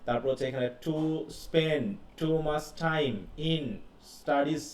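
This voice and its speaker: A man's voice: a little high, steady tone, extremely slow, heavy background noise. A man teaching a live class, explaining step by step and asking his students questions. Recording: echoey classroom heard from a distance.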